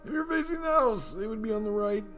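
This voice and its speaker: Man voicing an old husband, gravelly put-on old voice, raised pitch, soft music under it. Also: expressive, quick pace. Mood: recounting. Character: older man, gruff husband.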